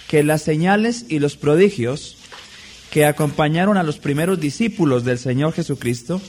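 Man, sermon, measured, emphatic stresses, a bit high-pitched, faint background hum. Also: a little mellow. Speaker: preacher.

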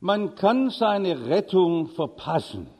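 High-voiced preacher in an echoey hall. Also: male voice, big pitch swings, takes it slowly, a little mellow. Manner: vivid storytelling, urgent warnings. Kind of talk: sermon.

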